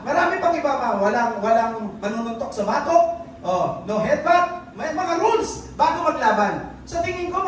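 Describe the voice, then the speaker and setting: High-voiced preacher in an echoey hall. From Philippines. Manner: switches between Tagalog and English, quizzes the congregation. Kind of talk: sermon. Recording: very echoey church hall, distant mic, faint noise.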